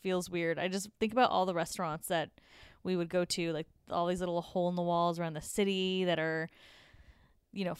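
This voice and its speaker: A young woman co-hosting a podcast, telling stories in an animated, giggly way with many "like" fillers. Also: on the low side, a little fast, clean tone, no room sound, studio quality. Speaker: podcast co-host. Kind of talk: casual chat.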